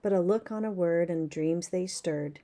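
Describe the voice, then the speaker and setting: A woman's voice: on the low side, normal speed, dark tone, natural voice. A woman voicing a brawny working-class washerwoman, half-speaking song lyrics in a put-on Irish accent. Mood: wistful.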